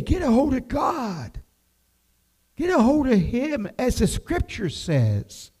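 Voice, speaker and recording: An older man preaching a devotional sermon from a church pulpit, slow and emphatic, reading scripture aloud. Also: high-pitched, darkish tone. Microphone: pulpit microphone, far camera.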